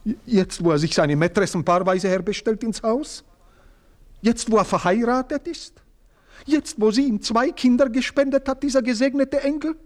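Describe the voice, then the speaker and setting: In a radio play, an actor voices a proud, indignant middle-aged manservant who is pompous and wounded, speaking in a stilted, formal way before swinging into outraged outbursts. His voice is very high-pitched, at a moderate pace.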